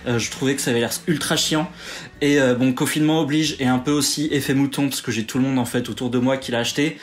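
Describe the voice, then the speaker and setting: A man hosts a casual podcast chat from home over a remote call. His voice sits at an everyday middle pitch, and he rambles along with fillers and self-corrections. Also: steady tone, fast talker. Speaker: podcast host.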